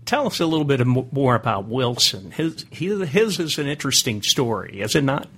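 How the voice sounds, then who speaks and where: A man's voice: medium pitch, sing-song, fairly bright tone, slight background noise. Polite male radio interviewer. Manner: measured, polite questioning. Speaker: interviewer host.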